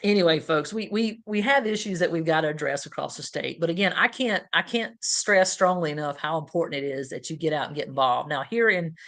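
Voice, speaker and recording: A man's voice: a little high, a little fast, creaky, hardly any pauses, fairly bright tone. A man hosting a political podcast, talking in a casual, opinionated way with many fillers.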